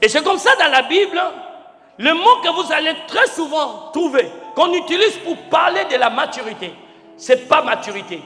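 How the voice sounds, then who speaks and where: Very high-voiced man preaching in echoing hall. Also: sing-song, moderate pace. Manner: emphatic preaching, swinging from shouts to near-quiet; spells out words letter by letter, asks the congregation questions. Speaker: pastor. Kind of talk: sermon. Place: large church hall. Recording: echoey church hall with faint music.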